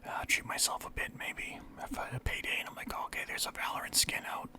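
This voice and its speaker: A young Canadian man, a vlogger, whispers his way through a casual, rambling list of favorite things for an ASMR video. He speaks fast, with a sharp tone.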